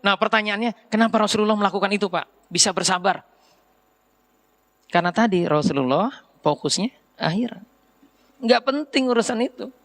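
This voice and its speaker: A man's voice: sits high, a little fast, pauses often. A middle-aged man preaching a casual sermon, often asking his listeners questions. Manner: lively, asks the audience questions.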